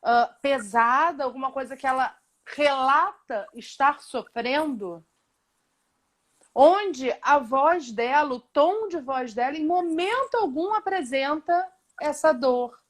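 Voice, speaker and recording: A Brazilian woman with a high-pitched voice talks over a video call. She is a therapist in a live online discussion, explaining at length and with emphasis, tagging her points with a questioning "né?". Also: lively intonation, slow pace. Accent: Brazilian Portuguese. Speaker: Gestalt therapist, host.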